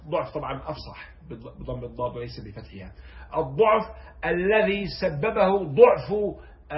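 Fast-talking man explaining poetry. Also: fairly high pitch. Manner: animated, rising loud when stressing a point; quotes verses slowly and gravely, then explains in dialect. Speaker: poetry teacher. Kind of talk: explaining classical poetry line by line. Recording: dull lo-fi sound.

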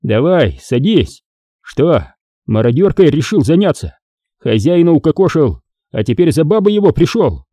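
Guy doing a short-fused squad guy, snaps back curt, raised dark voice, audiobook. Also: fairly high pitch, very animated, normal speed, breathy edge, dry recording, studio quality, voice pushed up. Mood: irritated. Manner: curt barking retorts.

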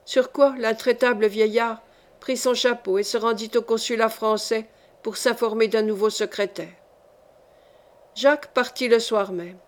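Woman, audiobook narrator, measured storytelling, clear reading, slightly high voice. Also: steady tone. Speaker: audiobook reader.

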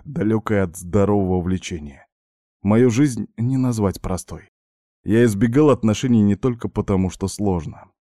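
A man narrating an audiobook in the first person, measured and brooding, gruff in dialogue. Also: fairly low pitch, mellow, dry recording, studio quality.

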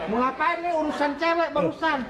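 A man's voice: extremely high pitch, steady tone, brisk, over a noisy crowd. A man joking and teasing in improvised comic banter, often laughing. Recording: noisy live recording.

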